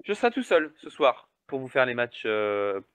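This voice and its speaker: A man's voice: mid-range voice, sing-song, normal speed, fairly bright tone, clean tone. A man, an esports caster chatting alone before a match, joking about himself and answering viewers' questions. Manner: chatty, self-mocking, answers chat questions. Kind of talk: solo pre-match stream commentary.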